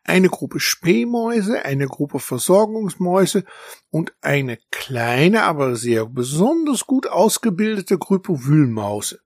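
A man voicing a small, brave and boastful male mouse in a storybook, with a high, squeaky and eager voice. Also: very animated, slow, no room sound, studio quality, full character voice.

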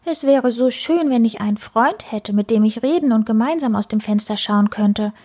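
A woman voicing a cheerful, lonely little male creature in a children's story, gushing and wistful in a raised, breathy voice. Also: a little high, normal speed, dark tone.

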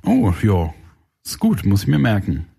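Husky playful man chatting. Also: lowish voice, wildly swooping pitch, unhurried, warm tone. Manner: playful, joking, breaks into silly sounds. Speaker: podcast co-host. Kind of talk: casual comedic chat.

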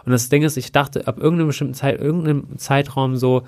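A man's voice: mid-range voice, steady tone, fast talker, a little mellow. A man in his twenties chatting casually as a podcast guest, rambling through stories with lots of slang and fillers. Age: 20s.

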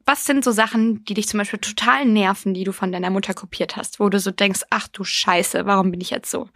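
A young woman co-hosting a podcast in casual chat, a lively storyteller who laughs easily. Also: mid-range voice, a little fast, no room sound, clean studio sound. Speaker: podcast co-host.

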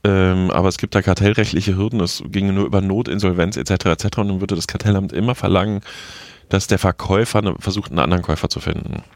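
A man co-hosting a casual media podcast, explaining things at length with quick restarts. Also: low-pitched, steady tone, dry recording. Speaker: podcast co-host.

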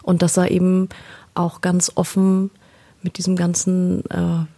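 Low, gravelly, husky woman in an interview. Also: monotone, unhurried, warm tone. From Germany. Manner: earnest, with frequent hesitations and repeated words. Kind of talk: personal interview.

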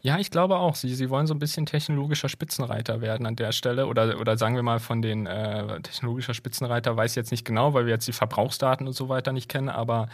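A man's voice: medium pitch, fairly even intonation, quick pace, hardly any pauses. A man co-hosting a casual podcast chat, thinking aloud with hesitant restarts. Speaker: podcast co-host.

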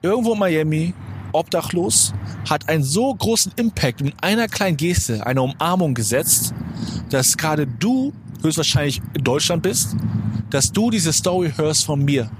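Young male podcast host, rambling, slangy, a bit high-voiced, out on the street with clear traffic noise. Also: animated, normal speed. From Germany. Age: 20s. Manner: rambling, slangy, self-correcting. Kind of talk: casual motivational monologue. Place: outdoors on a street near a supermarket.

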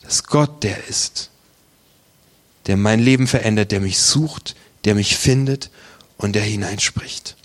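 A man's voice: lowish voice, measured pace. A man preaching, telling his own faith story earnestly and intimately, at times dropping to a near whisper. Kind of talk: testimony sermon.

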